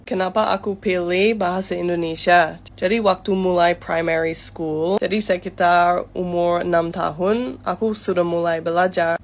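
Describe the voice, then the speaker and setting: Lower-voiced English-speaking woman explaining casually in Indonesian. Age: 30s. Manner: explanatory, ends points with soft tags, mixes in English words.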